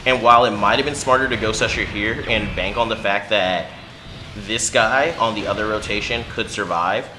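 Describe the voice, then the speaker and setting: A man's voice: fairly low pitch, moderate pace, background noise. A man casually commenting on his own mobile game run, talking to himself and his viewers as he plays. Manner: chatty, mutters to himself, bursts loud at big hits. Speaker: gaming channel host.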